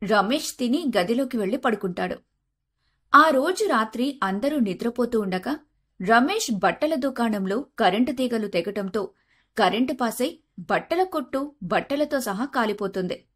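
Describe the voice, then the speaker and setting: A woman narrating an animated family moral tale in a steady, plain manner. Her voice sits fairly high and keeps an even storytelling pace. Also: normal speed.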